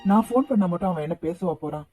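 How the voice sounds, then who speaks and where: A voice actor playing a calm, reassuring middle-aged father in a cartoon, speaking soothingly. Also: medium pitch, fast talker, phone-quality sound, faint music behind, close to an everyday voice. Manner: soothing, steady. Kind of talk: cartoon voice acting.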